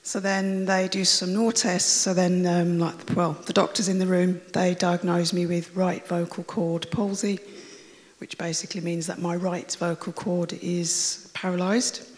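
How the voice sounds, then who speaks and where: Woman, raspy croaky voice, slightly low pitch, rambling church testimony, long reverberant hall. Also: level tone, measured pace. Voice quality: raspy, croaky voice that always sounds like a cold. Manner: chatty and rambling, with many fillers and restarts. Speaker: church member giving a testimony. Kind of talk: personal testimony told to a congregation.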